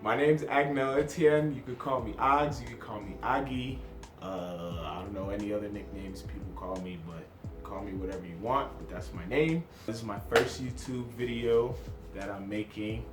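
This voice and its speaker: In his first vlog, a New Jersey man in his twenties chats casually to the camera, poking fun at himself and jumping between topics. His voice sits on the low side at a moderate pace, sounding reverberant over background music.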